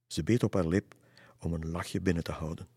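A man narrating a children's storybook in a calm, measured reading voice, recorded on a close mic. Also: deep voice, gravelly, breathy edge, no room sound.

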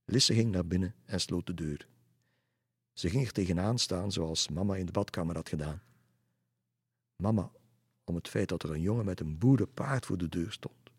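A man narrating a children's storybook in a calm, measured reading voice, recorded on a close mic. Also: deep voice, husky, no room sound.

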